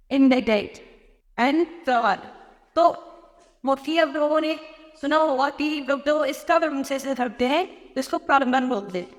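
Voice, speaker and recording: A high-pitched woman with an Indian accent gives a patient classroom-style lesson. She says each rule slowly and repeats it. Her voice rings with a long room reverb. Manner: explains slowly, repeats phrases, mixes in English words. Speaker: English teacher.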